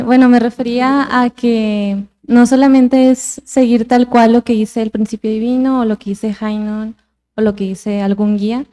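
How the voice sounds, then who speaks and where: A woman's voice: a little high, warm tone. A woman in the audience giving a spontaneous spoken answer. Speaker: audience participant.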